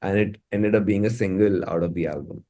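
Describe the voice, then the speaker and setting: A man with an Indian accent talks casually in an interview as a musician, his lowish, warm voice moving fairly quickly. He's informal and often stammers, repeating words while his thoughts take shape.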